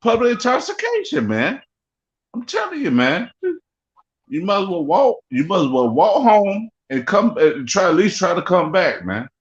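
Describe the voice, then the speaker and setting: A man's voice: on the high side, sing-song, a little slow, husky. Stammering man on a dull line. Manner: stammering, repeats agreement. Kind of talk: casual podcast chat.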